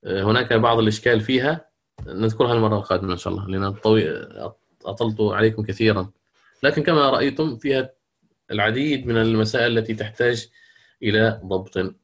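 A middle-aged man teaching the rules of Quran recitation, explaining patiently, reciting words slowly and checking that students follow. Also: fairly low pitch. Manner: closes with a long supplication. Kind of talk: lecture on Quranic reading rules.

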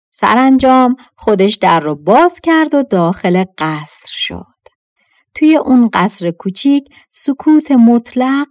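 A woman with a mid-range voice narrates a folktale audiobook, reading in a measured, expressive way. It's scripted storybook narration recorded in a clean studio with no room sound.

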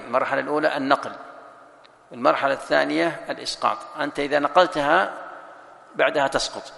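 With a fairly high, gravelly and sharp-toned voice, a male sheikh gives a Quran sciences lesson in what sounds like a big room. He breaks a text down point by point, repeats his words, and recites examples along the way.

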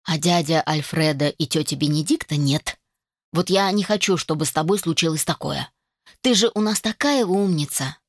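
A woman's voice: deep voice, moderate pace, dry recording, clean studio sound. A woman voicing a fussy, pushy, doting middle-aged mother in an audiobook, nagging and insistent. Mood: disapproving. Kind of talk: audiobook character voice.

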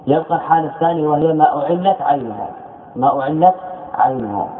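A man's voice: a little high, fast talker. A man teaching a classroom lesson, explaining by repeating his points and asking himself questions. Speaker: teacher of Arabic morphology. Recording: echoey hall over a tinny phone-like line.

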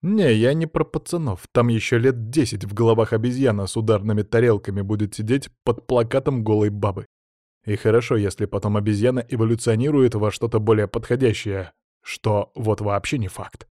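A man's voice: lowish voice, fairly quick, dark tone, dry recording, clean studio sound. A man narrating a first-person audiobook, with wry, sardonic asides.

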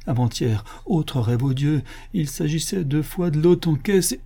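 A man's voice: on the high side, animated, unhurried, mellow, husky, pitched above the performer's own voice, heavily acted. Man reading as a lamenting gluttonous canon. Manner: anguished, theatrical lamenting. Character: gluttonous older male canon, lovesick for lost food. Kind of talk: audiobook reading of a classic novel.

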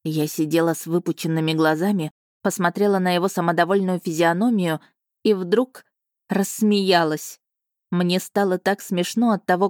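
A woman reading a first-person audiobook in a lively, ironic storytelling manner, close to the mic. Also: lowish voice, dry recording. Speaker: audiobook narrator.

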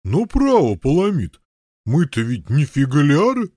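A man putting on a gruff, husky old knight. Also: on the high side, wildly swooping pitch, unhurried, darkish tone, dry recording, studio quality, voice pushed up, full character voice. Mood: grumbling. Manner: blustering, huffy protests. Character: gruff elderly Norman knight, grumbling and stubborn. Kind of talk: audiobook character voice.

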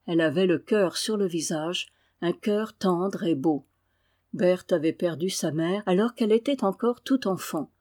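A woman's voice: fairly low pitch, warm tone. Woman reading a classic novel aloud. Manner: measured reading, voicing dialogue with rising emotion. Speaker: audiobook reader. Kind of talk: scripted narration of a classic novel.

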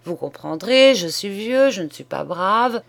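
A woman reading an elderly retired male detective in an audiobook, a bit slower and higher than her narration. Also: animated, creaky. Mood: agitated.

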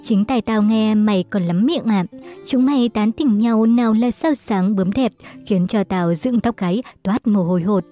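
A woman voicing a furious, jealous young husband who shouts insults and accusations at his wife. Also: mid-range voice, moderate pace, faint music behind, close to an everyday voice.

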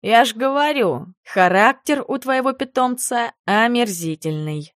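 A woman reading the part of a stern, sardonic male werewolf in an audiobook, speaking slowly. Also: on the high side, animated, no echo, studio quality, voice pushed up. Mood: complaining. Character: stern male werewolf lover, dry and teasing.

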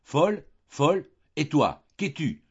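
A proud countess shouts bitter accusations at her sister in a lifted, tense voice, as a male reader puts her on. The tone is husky, and the recording is muffled and lo-fi. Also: on the high side, big pitch swings, slow, pitched above the performer's own voice, full character voice. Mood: scornful. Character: furious aristocratic countess, a grown daughter.

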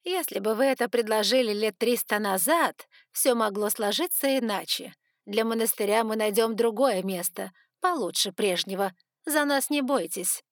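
A defiant old nun, as a woman reads her answers with scorn in a storybook audiobook. The voice is mid-pitched and dry. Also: normal speed, few pauses, no room sound, natural voice.

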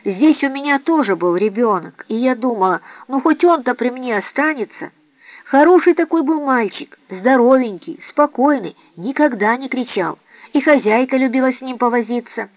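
A woman voicing a weary, bitter old woman who talks low, grim and blunt, in an audiobook reading. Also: expressive, moderate pace, no room sound, lightly acted. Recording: dry, slightly dull recording.

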